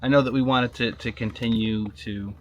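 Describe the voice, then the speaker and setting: A man talking casually in a sit-down vlog, halting and repeating words, often checking in with "right?". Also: medium pitch, steady tone, highs cut off, slight background noise. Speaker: vlogger, husband.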